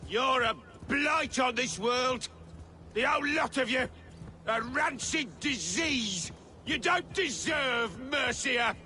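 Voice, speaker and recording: An actor playing a panicked, defiant deposed king in a video game, loud and blustering. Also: extremely high pitch, animated, slow, a little hiss or hum, heavily acted. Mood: bitter contempt. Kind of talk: dramatic video game acting.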